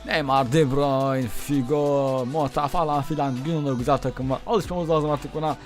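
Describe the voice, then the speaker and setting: A young man giving live gameplay commentary on a football video game, excitable, talking to the players on screen and repeating his words. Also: medium pitch, moderate pace, soft background music. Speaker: gaming YouTuber.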